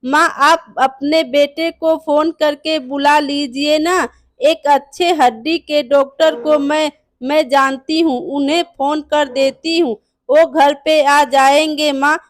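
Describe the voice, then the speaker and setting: A woman's voice: high-pitched, fairly even intonation, slow pace, no echo, clean studio sound. A woman voicing a sly young daughter-in-law. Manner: sweetly pleading, mocking.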